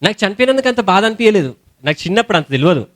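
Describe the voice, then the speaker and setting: Young male preacher, Telangana Telugu accent, high voice, colloquial storytelling sermon. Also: sing-song, rapid-fire. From India. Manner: storytelling sermon in colloquial speech, rising to shouted hallelujahs.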